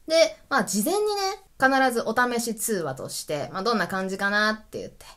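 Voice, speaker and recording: Woman host with a stuffy nose, casual excited monologue, animated pitch. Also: a little fast. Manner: lively, enthusiastic, laughs often. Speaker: web radio host. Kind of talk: solo casual radio talk.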